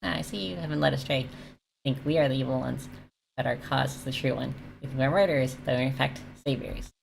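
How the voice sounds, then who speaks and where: A fanatical, haughty elf lord from a fantasy game , voiced by a woman. The delivery is measured and condescending, in a low, heavily creaky voice. There is faint noise in the recording. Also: steady tone, heavily acted, low-quality recording. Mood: smug, zealous. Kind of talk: reading video game dialogue aloud.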